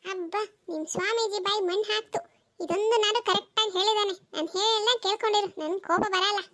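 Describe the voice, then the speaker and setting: A short-tempered middle-aged husband and father from a comedy cartoon. He grumbles and scolds in a very high pitch at a brisk pace. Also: steady tone, bright, forceful tone. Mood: grumbling scolding.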